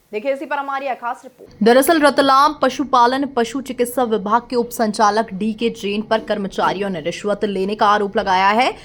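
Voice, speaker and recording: A woman narrating a scripted news report in an even, formal reading voice. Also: sits high.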